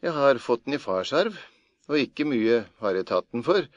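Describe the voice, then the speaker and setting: A man's voice: mid-range voice, very animated, no room sound, lightly acted. A crafty young farmhand, as a male reader plays him, cocky and offhand, his voice lifted a little above the narration. The sound is dry and somewhat muffled, a plain lo-fi audiobook read. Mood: bargaining. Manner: sly, cocky, nonchalant. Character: sly, cheeky young male farm lad.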